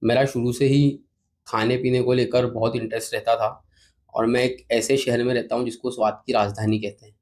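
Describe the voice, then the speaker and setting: An entrepreneur from Indore, India, speaks with an Indian accent as an interview guest. His medium-pitched, darkish voice stays level at a moderate pace. He answers politely and explains things conversationally, mixing Hindi and English.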